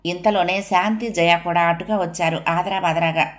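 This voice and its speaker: A woman narrating a family novel as an audiobook in a steady, even storytelling manner. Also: fairly low pitch, moderate pace.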